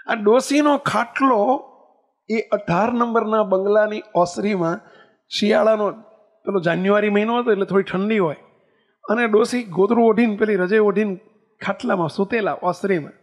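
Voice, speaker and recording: Male preacher, high voice, devotional storytelling sermon, rhetorical questions. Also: normal speed. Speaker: spiritual leader giving a discourse.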